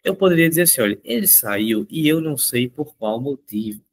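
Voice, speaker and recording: A male teacher walks through a grammar lesson. He talks in a lively, coaxing way and repeats each rule to make it stick, his voice sitting at a middle pitch. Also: a little fast, slightly rough. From Northeast Brazil. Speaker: Portuguese teacher.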